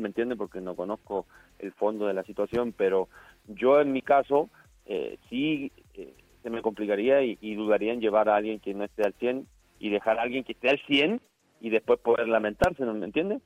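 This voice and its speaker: A man's voice: on the low side, no echo. A middle-aged man, a football coach, speaking as a guest over the phone and often repeating words as he searches for them. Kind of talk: phone interview. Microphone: phone call. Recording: dry tinny phone line.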